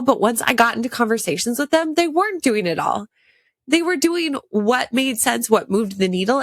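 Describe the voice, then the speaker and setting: A woman's voice: mid-range voice, a bit bright, dry recording, studio quality. Congested woman hosting a podcast. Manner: enthusiastic, repeats words for emphasis. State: congested from a sinus infection. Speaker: podcast host. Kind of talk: casual solo podcast talk.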